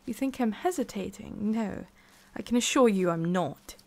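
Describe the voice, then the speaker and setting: Playing a forest witch who has lived for centuries, a woman speaks directly to the listener in ASMR roleplay with an ordinary female pitch and plenty of fry. Expressive, she's prickly and haughty at first glance but softer below, musing haltingly in a flustered, prickly mood.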